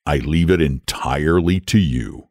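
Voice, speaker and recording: A lazy, cultured dragon speaks in a low, slow drawl, solemn and unhurried. A man puts the voice on for a storybook reading. The sound is close and dry, with no room around it. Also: animated, a little mellow, no echo, heavily acted.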